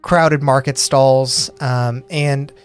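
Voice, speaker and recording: A man narrating a tabletop game as game master, in halting, thoughtful phrases, with music underneath. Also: mid-range voice, steady tone.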